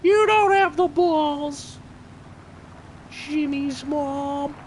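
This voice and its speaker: A man's voice: very slow, a little hiss or hum, heavily acted. A man putting on a theatrical, mock-heroic voice to taunt enemies while playing a game. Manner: theatrical, high and drawn out.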